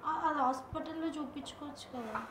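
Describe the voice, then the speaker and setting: Worried woman urging caution, high and quick, with noise behind. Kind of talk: comic prank skit.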